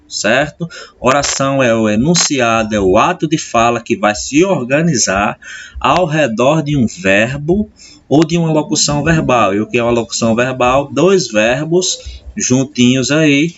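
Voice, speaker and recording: Brazilian male teacher, patient, check-in style. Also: mid-range voice. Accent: Brazilian Portuguese. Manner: explains patiently, with frequent "tá?" and "né?" check-ins; drawls key terms slowly and speeds through asides. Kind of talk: classroom grammar lesson. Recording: slightly dull lo-fi sound with faint hiss.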